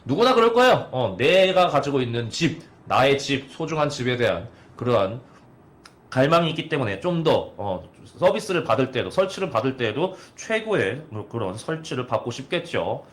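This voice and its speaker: Lively man giving a training lecture. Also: medium pitch, moderate pace. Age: 30s. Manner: poses rhetorical questions to listeners; opens sentences with "ja". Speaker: trainer for air conditioner installers.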